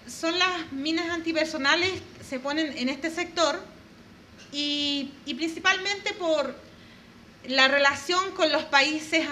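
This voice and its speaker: A woman from northern Chile, giving a formal presentation to an audience in an earnest, measured way, with frequent pauses and fillers. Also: sits high, sharp tone, slight background noise.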